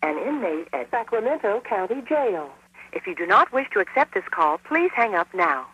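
A woman's recorded operator voice announcing a collect call from jail over a payphone line, read in a formal, even manner. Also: medium pitch, moderate pace, slightly rough, dry recording. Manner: even, formal, prompt-reading delivery. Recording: distant tinny phone line played back inside a song.

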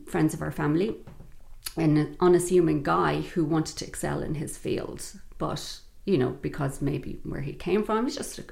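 Appearing as an interview guest, this woman has a low, gravelly voice and a Dublin Irish accent, hailing from the north side of Dublin in Ireland. She shares stories in a reflective, chatty way, often filling pauses and laughing along.

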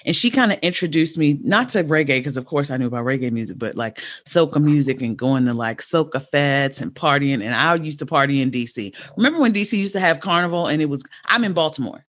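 A woman in her forties hosting a podcast, chatting casually and thinking aloud, with many restarts and sudden jumps up in pitch. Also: fast talker, few pauses. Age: 40s. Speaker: podcast host and educator. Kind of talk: casual conversational interview.

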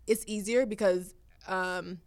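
A woman's voice: mid-range voice, fairly even intonation, slow. A young woman, a runway model, chatting casually and explaining things earnestly. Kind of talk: casual chat.

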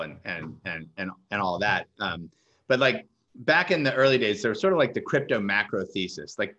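A man's voice: sits low, bright, forceful tone. A man hosting a podcast interview, asking long questions full of hesitations and restarts. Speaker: podcast host. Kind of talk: casual interview talk.

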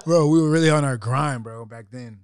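A young man telling a story as a podcast guest, slangy and casual, acting out quotes softly. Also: mid-range voice, a little fast, clear, resonant tone. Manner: slangy, acts out quotes in soft voices.

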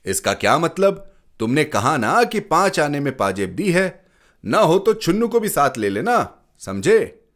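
A stern, impatient father, voiced by a man in a spoken story, barking orders and scolding in a voice that rises and falls sharply. Commanding and short-tempered, with plenty of movement in the pitch. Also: big pitch swings, takes it slowly. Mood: coaxing.

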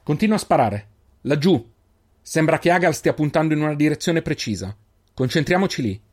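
A man's voice: a little high, lively intonation, fairly quick, pitched above the performer's own voice. A man voicing a tense young fighter, urgent and raised.

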